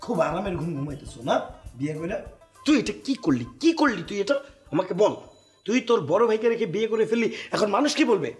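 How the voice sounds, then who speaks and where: Brief: a bossy older brother, high voice swinging up and down as he scolds. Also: animated, quick pace, faint music behind. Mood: exasperated. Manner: scolding, lecturing. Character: older brother, young adult man, indignant and bossy. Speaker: elder brother. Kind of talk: Bangla TV drama acting.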